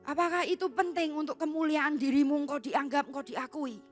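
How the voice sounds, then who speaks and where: A woman's voice: high-pitched, fairly even intonation, fairly quick, soft background music. A middle-aged woman preaching to young people in a casual, colloquial way, acting out the voices she quotes. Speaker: youth pastor. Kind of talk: sermon.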